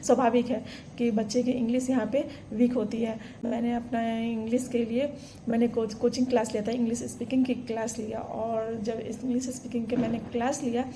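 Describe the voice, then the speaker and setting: A woman from Bihar, India, vlogs a casual personal story to camera, speaking earnestly and encouragingly with many fillers and restarts. Her voice is mellow and fairly high but stays flat and even, with a faint room hum behind her.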